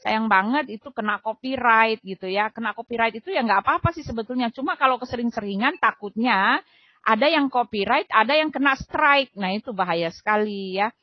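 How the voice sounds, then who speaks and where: A woman's voice: fairly high pitch, a little fast, dry recording. A middle-aged woman giving an earnest, emotional personal faith testimony, talking to her friends with many casual fillers. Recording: dull, dry lo-fi audio.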